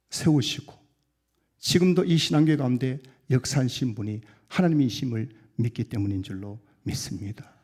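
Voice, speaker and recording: A man pastor preaching a sermon earnestly, swelling into loud emphatic peaks and dropping low and quiet to close his sentences.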